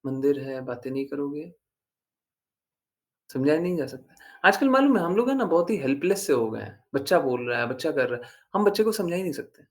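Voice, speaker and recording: Man, spiritual teacher addressing followers; earnest and explanatory, a touch higher-pitched than most men. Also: big pitch swings, quick pace. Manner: earnest, explanatory, repeats points for emphasis. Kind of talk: devotional talk to followers.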